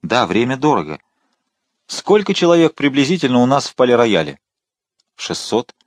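A man's voice: mid-range voice, very animated, normal speed, no room sound. A man reading the lines of a proud, imperious middle-aged queen in an audiobook. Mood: commanding. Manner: imperious, commanding.

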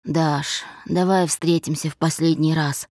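A tipsy young man leans on every line, his voice low and loose, slurred at the edges, put on by a woman reading aloud. He is pushy and clingy. The sound is dry and close. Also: normal speed, no echo, natural voice. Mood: insistent. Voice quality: low, relaxed. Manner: slurring, insistent.

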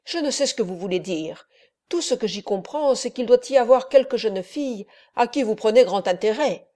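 A man's voice: extremely high pitch, expressive, moderate pace, a little mellow. A woman reading a haughty nobleman in an audiobook, contemptuous and dismissive. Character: arrogant haughty male nobleman.

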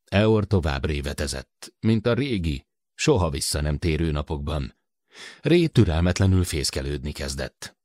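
A man narrating a science-fiction audiobook in a measured, expressive reading voice. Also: rumbling low, dry recording, clean studio sound.

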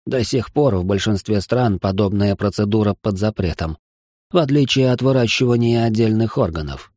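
A man doing a worn-out old family doctor in an audiobook, his voice pitched a touch higher than the narration and dark, mellow in tone. He talks slowly and heavily, like a man weighed down by guilt. The recording is dry and close. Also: no echo, natural voice. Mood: weary. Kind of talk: audiobook character voice.

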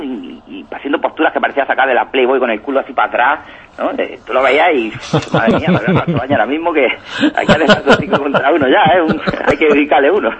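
A man rambling enthusiastically about comics on a radio show, often asking "¿no?". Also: on the high side. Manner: enthusiastic, rambling, keeps tagging "¿no?". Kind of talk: casual radio chat. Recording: tinny phone-like radio audio.

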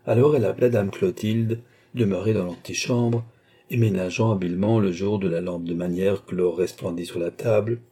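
Man, audiobook narrator, measured storytelling, very dark tone, husky. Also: low voice, steady tone. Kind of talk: classic novel audiobook narration.

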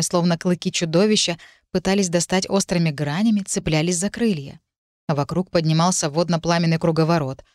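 A woman narrating a first-person fantasy audiobook with an expressive reading. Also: on the low side, no room sound, studio quality.

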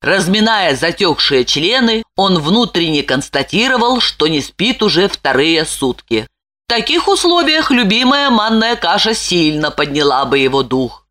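A woman narrating an audiobook in an expressive way. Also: lowish voice, measured pace. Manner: expressive, lively.

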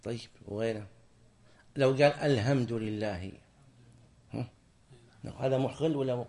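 A man teaches a classroom lesson at an even, middle pitch. He explains each point deliberately and breaks off to toss short questions to his students. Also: vocal fry. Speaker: sheikh teaching jurisprudence. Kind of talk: classroom lesson on Islamic law.

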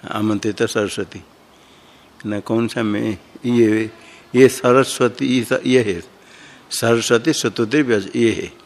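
A man works through a grammar text like a teacher in class. His voice sits low and his pace is very unhurried. He pauses, repeats terms and corrects himself as he thinks aloud.

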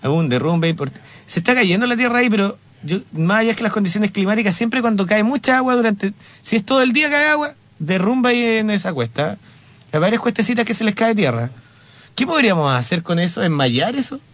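A man's voice: high voice, lively intonation, brisk, a bit bright, no room sound. A man with a Chilean accent co-hosting a radio show in casual chat, joking and rambling and laughing at himself. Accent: Chilean Spanish. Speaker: radio co-host. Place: radio studio.

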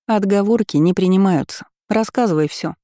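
Woman doing a squealing excitable young princess. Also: medium pitch, no room sound, studio quality, pitched above the performer's own voice, lightly acted. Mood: excited. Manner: exclaiming, squealing, talking fast.

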